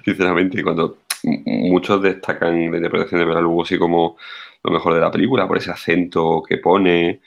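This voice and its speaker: A man's voice: low voice, level tone, fairly quick, gravelly, lo-fi sound. A man, co-hosting a podcast and giving blunt, opinionated takes on a film in casual talk. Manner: blunt, opinionated, restarts often. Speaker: podcast co-host.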